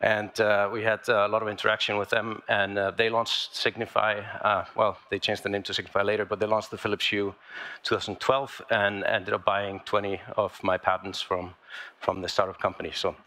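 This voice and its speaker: Man presenting at a conference, low-pitched and sharp-toned, halting delivery. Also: level tone. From Iceland. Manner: halting, many fillers and restarts. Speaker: inventor giving a talk. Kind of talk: conference talk. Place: large lecture hall, on stage.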